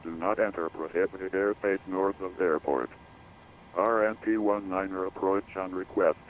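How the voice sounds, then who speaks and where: An automated male voice reading an airport weather and runway information broadcast over radio, in a flat, repetitive readout. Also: sits low, normal speed. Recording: dull lo-fi radio feed with faint hiss.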